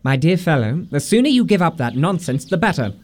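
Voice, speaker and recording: An actor playing an exasperated, earnest young English gentleman in a comic radio play, speaking in a huffy, emphatic, mannered way. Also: fairly high pitch, big pitch swings, a little fast. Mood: stubborn, argumentative.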